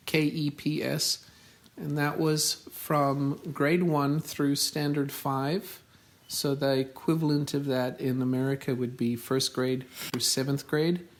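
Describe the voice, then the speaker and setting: A man's voice: a little high, vocal fry. A South African man in his forties, answering interview questions carefully and spelling words out. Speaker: podcast host being interviewed by his daughter.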